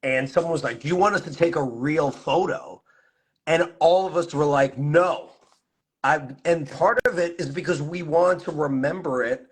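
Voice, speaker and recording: A man hosting a casual conversation as a play designer, who is hoarse from losing his voice and talks with enthusiasm, musing in what-if questions. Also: on the high side, normal speed.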